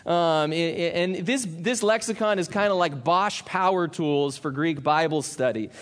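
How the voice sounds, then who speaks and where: A pastor with a fairly high voice delivers a Sunday sermon. He reads scripture slowly and measuredly, then moves into relaxed, conversational teaching with asides to the congregation.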